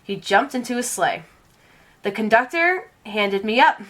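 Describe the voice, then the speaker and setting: A woman reading a children's storybook aloud in an expressive, dramatic and deliberate storytelling style. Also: fairly high pitch. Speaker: storybook reader.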